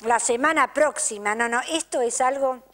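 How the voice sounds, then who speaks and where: A woman's voice: high-pitched, moderate pace, a bit bright. An older woman with an Argentine accent hosts a local TV show, chatting effusively to the audience and often tagging her sentences with "¿eh?". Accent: Argentine Spanish. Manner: chatty, effusive, keeps asking "¿eh?". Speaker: TV show host. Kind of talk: casual chat, thanking sponsors to camera. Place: local TV studio.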